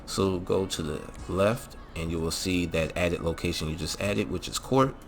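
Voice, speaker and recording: A low-pitched man talks at a normal speed, with a faint hiss or hum on the track. He's a gaming channel host running a casual video game mod tutorial, slangy and laid-back in tone. Music plays behind his voice.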